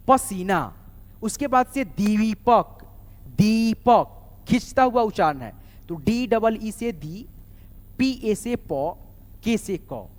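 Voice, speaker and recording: A man teaching a lesson, spelling words letter by letter and asking viewers questions. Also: high-pitched. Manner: slow, spells letters out one by one, often asks viewers questions. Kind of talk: spoken classroom lesson. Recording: long reverb.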